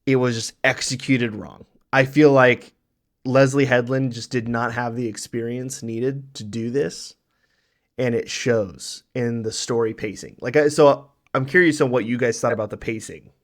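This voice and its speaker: A man's voice: medium pitch, steady tone, normal speed. Rambling man explaining lore. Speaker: reaction show host. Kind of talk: casual chat.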